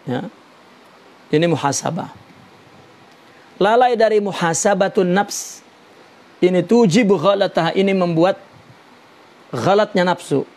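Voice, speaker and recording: Male religious teacher going slow through a sufi text, high-ish voice, lots of "ya" between points. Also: a little mellow. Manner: slow and deliberate, explaining Arabic terms with many "ya" fillers.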